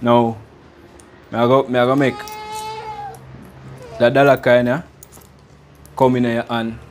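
A man's voice: mid-range voice, level tone, measured pace. Jamaican man doing playful magic-trick patter. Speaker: prank vlog host performing magic trick. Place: outdoors on a small concrete porch. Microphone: camera a few metres away. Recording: background noise, outdoor ambience.

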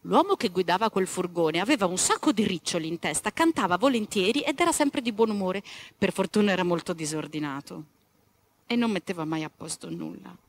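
Woman storyteller reading to children, lively, chatty asides. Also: on the low side, a little fast, no room sound. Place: former convent venue.

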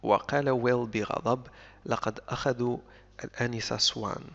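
A man teaching a story lesson who reads each phrase slowly and then explains it, in a dull recording with a long echo. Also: mid-range voice, steady tone, creaky, fairly bright tone. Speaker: English teacher. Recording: lo-fi with long reverb.

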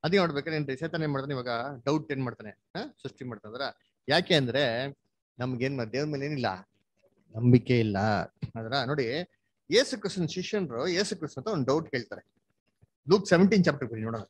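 A man's voice: mid-range voice, fast, long pauses. A man teaching an interactive Bible study, asking his listener questions and having her read verses aloud, dropping English words into his talk. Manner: mixes English words into Kannada.

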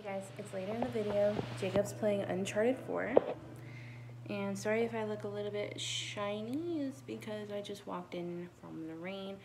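A woman's voice: mid-range voice, noisy background. A woman chatting casually to her viewers in a family vlog at home, rambling with fillers. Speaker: family vlogger. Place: home, indoors.

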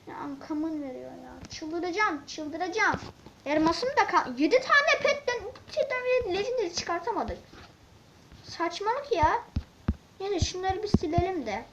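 A woman giving casual let's-play commentary, excitable and grumbling as she talks to viewers and the game. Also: very high voice, unhurried. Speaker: gaming channel host. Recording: dull lo-fi mic with faint hiss and clicks.

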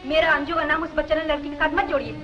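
A woman playing a proud, headstrong young married daughter, talking in a sharp, indignant, defiant way in 1960s film drama dialogue. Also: high-pitched, fairly even intonation, quick pace, lo-fi sound, lightly acted. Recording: film soundtrack with faint music.

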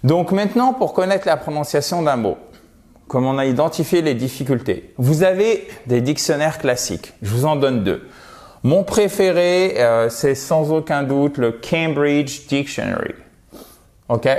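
A man's voice: medium pitch, a little mellow. A man teaching an online lesson about English pronunciation in a chatty, encouraging way, often checking in with the viewer.

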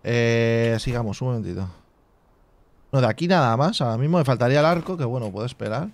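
A man hosting a casual let's play, reading game menus half to himself and chatting to his viewers with relaxed asides. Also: medium pitch, quick pace. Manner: chatty asides to viewers with filler tags like "tío". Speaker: gaming channel host.

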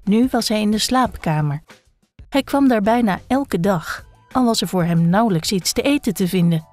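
A woman calmly reading a children's book aloud. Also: fairly high pitch, dry recording. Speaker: reader.

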